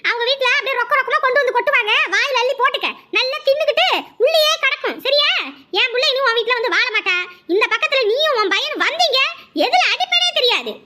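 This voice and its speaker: A fierce village grandmother in a cartoon, voiced by a woman, squeaky and very high. She rattles off her scolding at speed in a bright, sharp voice. Faint background noise hangs under the recording. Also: lively intonation, quick pace, full character voice. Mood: furious. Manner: scolding, shrill, combative. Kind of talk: cartoon voice acting.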